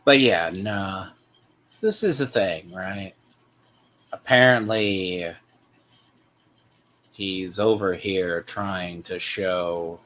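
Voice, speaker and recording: A man giving off-the-cuff reaction commentary in a deliberate, needling, disapproving way. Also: low voice, a bit bright. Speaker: commentator reacting to a played recording.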